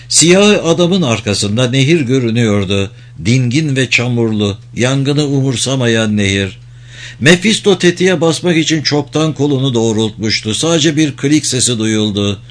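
A man reading a novel aloud as an audiobook narrator, in a measured, steady storytelling delivery. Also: medium pitch. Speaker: audiobook reader.

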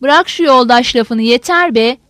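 A woman voicing a coarse male prison guard who speaks roughly and loudly, mocking the prisoners, in an audiobook reading. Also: fairly high pitch, unhurried, no echo. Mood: irritated. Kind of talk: audiobook character voice.

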